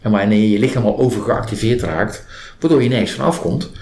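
This interviewed trainer of a body-based stress release technique talks through his method casually, voicing example questions and things clients might say. His voice sits on the low side, a little mellow, and moves slightly fast. Clear background noise and a roomy echo fill the recording.

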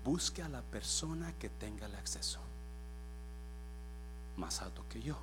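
A man's voice: mid-range voice, expressive, measured pace, faint music behind, close to an everyday voice, poor audio. A man voicing a curt, matter-of-fact male airline agent.

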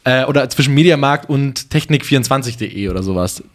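A man's voice: medium pitch, lively intonation, fast. A man co-hosting a podcast, talking loosely and thinking aloud, with fillers and English business buzzwords. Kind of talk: casual conversation.

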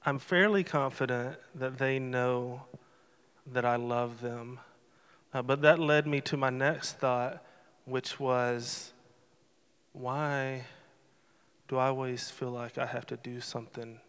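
A middle-aged man speaking at a church gathering in an earnest, emotional, personal way. His voice stays fairly even in pitch. The sound carries a long reverb from the sanctuary. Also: smooth. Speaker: church speaker closing a testimony service. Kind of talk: heartfelt church talk.

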